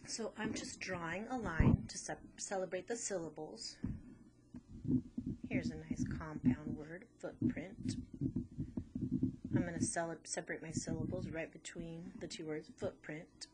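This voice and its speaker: A woman's voice: fairly low pitch, steady tone, unhurried, heavy background noise. A woman teacher patiently walking through a phonics lesson step by step.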